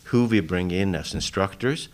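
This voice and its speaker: A man from Norway, a college vice president giving measured, explanatory answers in an interview. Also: low voice.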